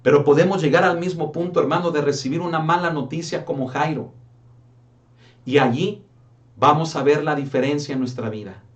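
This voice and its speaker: A man's voice: fairly high pitch, distant mic. A man preaching a sermon as pastor, asking rhetorical questions and often calling his listeners brother.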